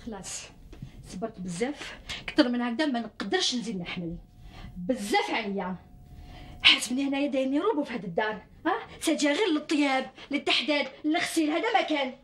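An actress with an Algerian Arabic accent, playing a weary, bitter wife who is complaining in a TV drama. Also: female voice, high-pitched, expressive, fast talker, fairly bright tone. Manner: complaining, reproachful. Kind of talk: TV drama acting.

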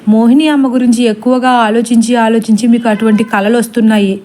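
A woman's voice: on the high side, fairly even intonation, brisk, dark tone, natural voice. A woman doing a sleepy, dismissive maidservant. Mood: placating. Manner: drowsy, placating.

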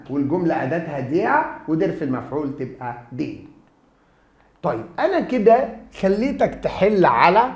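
A man's voice: sits high, echoey room. Egyptian guy lecturing german grammar, voice jumps all over, quizzes himself. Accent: Egyptian Arabic. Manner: lively, asks and answers his own questions. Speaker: German teacher. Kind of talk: classroom lecture.

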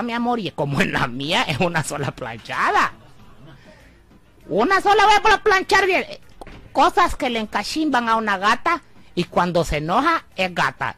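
A woman's voice: medium pitch, sharp tone. Sassy teasing Salvadoran woman radio host. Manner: sassy, teasing, calls listener amor and bebé. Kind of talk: comic radio monologue.

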